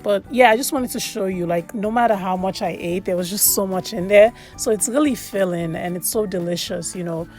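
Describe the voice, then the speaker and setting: A woman's voice: mid-range voice, fairly quick, hardly any pauses, darkish tone, soft background music. A woman from Sierra Leone giving casual, chatty food vlog commentary, often repeating words for emphasis. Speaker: food vlogger. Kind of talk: casual voice-over commentary on a meal.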